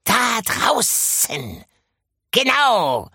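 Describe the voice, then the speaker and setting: A woman's voice: fairly high pitch, huge pitch swings, extremely slow, sharp tone, slightly rough, dry recording, studio quality, exaggerated voice. A woman voicing a sly, hesitant male rat father in an audiobook. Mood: conspiratorial.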